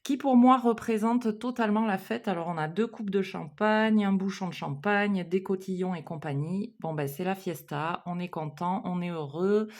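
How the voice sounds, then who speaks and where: A woman reads oracle cards on her own channel. Her voice is mellow and warm at a middling pitch. She chats loosely, full of fillers and self-corrections. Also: normal speed, hardly any pauses. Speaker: card reader, channel host. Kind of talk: casual card-reading vlog.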